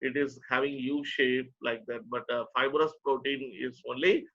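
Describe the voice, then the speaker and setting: A man's voice: medium pitch, fairly even intonation, normal speed, a bit bright, highs cut off. A man with an Indian accent teaching a lesson step by step, often repeating phrases for emphasis. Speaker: teacher, lecturer. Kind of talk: online lecture to a nursing student.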